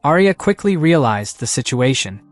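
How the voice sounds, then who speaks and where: A man narrating a comic story recap in a steady, even storytelling voice. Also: mid-range voice, normal speed, no room sound, faint music behind. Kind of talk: scripted narration.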